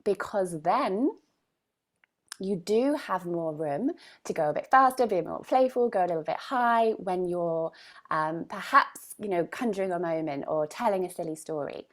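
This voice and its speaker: A woman's voice: lowish voice, animated, measured pace. A woman coaching a group in a live online session, speaking emphatically and often checking in with "right?". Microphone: video call.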